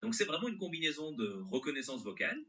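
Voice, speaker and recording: Speaking as a conversational AI assistant, a man talks fast in a very bright, crisp-edged voice with lively pitch that moves widely. His French accent is mixed with American-sounding intonation, and his manner is agreeable and accommodating.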